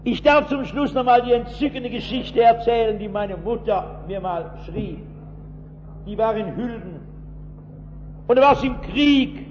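A man preaching a sermon, talking straight to his listeners with rhetorical questions and swinging between loud emphatic bursts and hushed asides. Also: very high-pitched, a little slow. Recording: dull lo-fi recording in a reverberant hall with faint hum.

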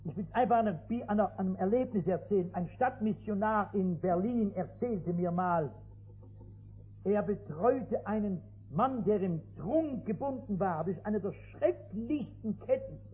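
An older male pastor preaches to a seated congregation, telling his stories with emphasis and swelling into loud, urgent appeals. His voice sits high for a man and has a husky edge. The recording is dull and lo-fi. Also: lively intonation, normal speed. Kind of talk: evangelistic sermon. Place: before a seated congregation in a meeting hall.

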